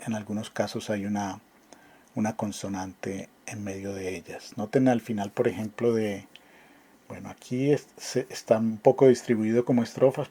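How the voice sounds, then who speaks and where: Husky, mellow-voiced male professor explaining. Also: medium pitch. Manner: explanatory, with frequent fillers and restarts. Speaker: literature professor. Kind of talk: online class lecture.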